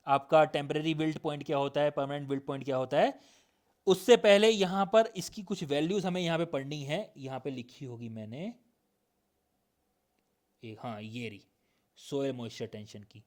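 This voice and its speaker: High-voiced man teaching with a sore throat. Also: fairly even intonation, a little mellow. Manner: drills points with repeated questions; reads definitions aloud slowly. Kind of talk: recorded lecture.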